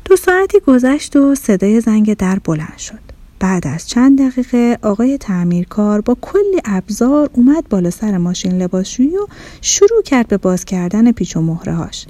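A woman narrating a children's story in an expressive, animated storytelling manner, recorded close on a studio mic. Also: mid-range voice, no room sound.

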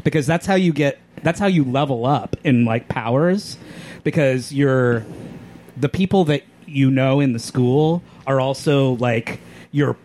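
A man's voice: medium pitch, unhurried, darkish tone, slight background noise. A man co-hosting a podcast in casual comedic chat, riffing on bits and joking around. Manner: jokey, riffs on bits, puts on silly voices. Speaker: podcast co-host.

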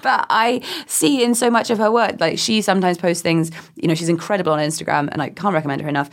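A woman's voice: lowish voice, fairly even intonation, fast. A woman with a modern British Received Pronunciation accent, chatting reflectively in a hesitant, self-deprecating, digressive way as an interview guest. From England. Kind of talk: casual reflective conversation.

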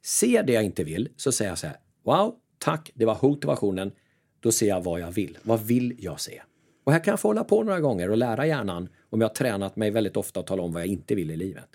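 Offering casual advice, a mental coach acts out the voices inside his head in a lively, self-mocking way. His voice sits on the low side.

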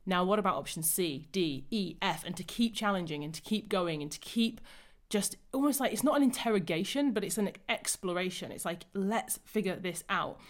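A woman's voice: medium pitch, animated, a little fast, few pauses. A woman hosting a podcast, talking enthusiastically and reflectively in a casual conversation. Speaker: podcast host.

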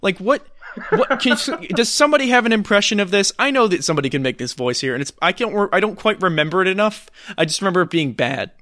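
Bright, lively, sarcastic man podcasting. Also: sits high, fast, no room sound, clean studio sound. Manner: sarcastic, rambling with fillers. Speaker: podcast co-host recapping films. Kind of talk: casual chat.

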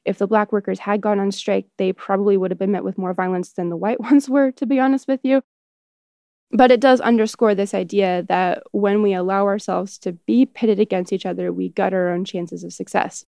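A woman's voice: medium pitch, fairly even intonation, a little fast, gravelly, dark tone, no echo. Woman explaining history, dry close sound. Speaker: expert interviewee.

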